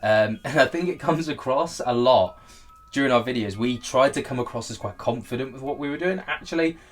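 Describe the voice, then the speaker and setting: A man's voice: mid-range voice, a little fast, soft background music. A man giving casual, candid commentary as he looks back on his own video, poking fun at himself. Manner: self-deprecating, candid.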